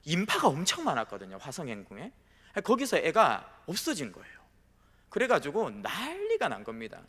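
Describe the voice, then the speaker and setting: A man's voice: fairly high pitch, huge pitch swings, normal speed, fairly bright tone, breathy edge. A male pastor preaching a sermon, telling stories and acting out the voices of the people in them. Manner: storytelling, acting out quoted voices. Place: church sanctuary. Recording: long hall reverb.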